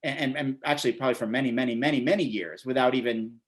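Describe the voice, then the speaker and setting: Speaking quickly at medium pitch, this American man in his forties is a guest on an interview. The vegan bodybuilder and author rambles through casual stories, repeating words along the way.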